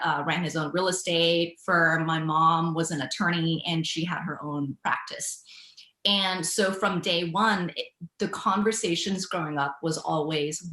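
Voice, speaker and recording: A woman's voice: lowish voice, pushed and bright, roomy sound. A woman in her forties from Thailand, answering interview questions about her business in a reflective way with easy laughs. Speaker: guest, business founder.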